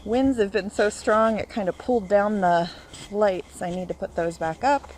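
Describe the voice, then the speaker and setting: A woman's voice: mid-range voice, moderate pace, darkish tone, a little hiss or hum, low-quality recording. A woman walking through her yard and filming on her phone, chatty and a bit out of breath, naming her plants and sometimes unsure of them. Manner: chatty, listing plants as she walks, unsure of some names. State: a bit out of breath after a run. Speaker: home gardener. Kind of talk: casual garden walk-through video. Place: outdoors in a home yard and garden. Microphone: phone camera held while walking.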